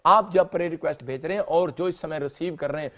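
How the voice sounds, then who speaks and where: A man preaching a sermon in a church, telling a story and acting out the quotes, moving between loud outbursts and soft lines. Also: on the high side, quick pace.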